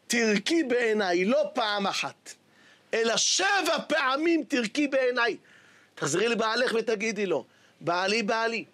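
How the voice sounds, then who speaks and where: Brief: man doing humble old sage, slow soft pleading, voice pitched up and husky. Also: full character voice. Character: revered old male sage, gentle and humble.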